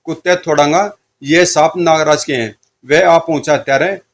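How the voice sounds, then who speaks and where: A man's voice: a little high, normal speed, creaky. A man voicing a fierce young woman who defies and curses her enemy. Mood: defiant. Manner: defiant, cursing.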